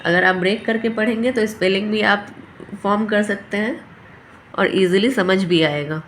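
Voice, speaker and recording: A woman's voice: mid-range voice, moderate pace, a bit bright, a little hiss or hum. A woman teaching a phonics lesson, sounding out letters and words one by one.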